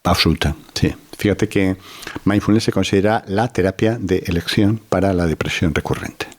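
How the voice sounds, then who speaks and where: Deep husky-voiced man. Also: normal speed. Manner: reflective, many "¿no?" tags and restarts. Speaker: psychiatrist guest. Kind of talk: calm explanatory interview talk.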